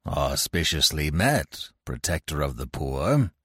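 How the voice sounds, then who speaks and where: A man voicing a sly, flattering male jackal who wheedles softly. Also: slow pace, husky, no room sound, clean studio sound, exaggerated voice. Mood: fawning. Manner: low, soft, wheedling.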